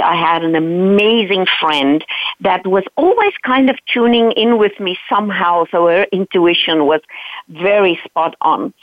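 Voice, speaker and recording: As a guest on a podcast, a South African woman in her fifties recounts her life with earnest animation, frequently tossing in "right?" asides. She speaks with a lowish voice over a dry, tinny line that sounds like a phone, with no room sound.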